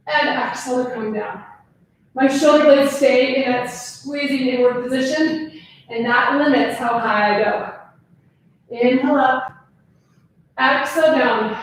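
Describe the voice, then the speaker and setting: A woman teaching a live online pilates class, counting reps and cueing breaths while she demonstrates, a little out of breath. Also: high-pitched. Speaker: pilates instructor. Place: pilates studio. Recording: very echoey room with faint noise.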